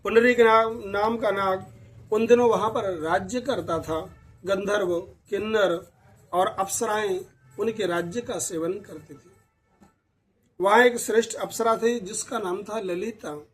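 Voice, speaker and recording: A male storyteller narrating a devotional tale in a reverent, measured way. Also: high-pitched, soft background music, poor audio.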